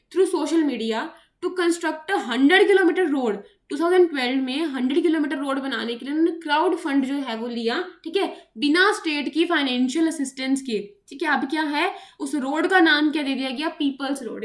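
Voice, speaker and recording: A woman with an Indian accent giving an online lecture for civil services exam students, mixing English into her explanations and checking in often with her class. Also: high voice. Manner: mixes English into explanations, keeps asking "ठीक है?". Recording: roomy echo.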